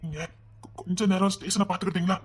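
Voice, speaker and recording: A woman's voice: on the low side, fairly even intonation, fast talker, a little mellow, husky. A woman voicing a restless lovesick police officer. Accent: Tirunelveli Tamil. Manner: agitated, stumbling over words.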